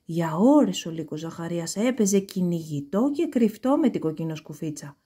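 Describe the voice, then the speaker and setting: A woman reads a children's story aloud with expressive, animated delivery. Her intonation swings widely and her voice is husky. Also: fairly low pitch.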